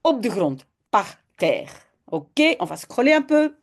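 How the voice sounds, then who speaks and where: Slow, patient woman teaching. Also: mid-range voice, big pitch swings. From Belgium. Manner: patient, explaining step by step with frequent "hein". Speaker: Dutch teacher. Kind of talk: online language lesson.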